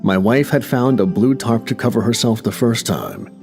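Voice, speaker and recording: A man's voice: medium pitch, sing-song, normal speed, creaky. A man narrating a first-person horror story in a tense, dramatic way. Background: music.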